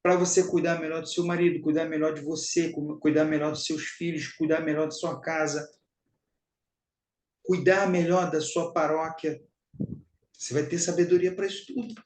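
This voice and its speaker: A man's voice: a little high, flat delivery, moderate pace, a little mellow, echoey room, slight background noise, rough recording. A Brazilian man giving a spiritual teaching talk, emphatic and repetitive, calling his listeners brothers and sisters.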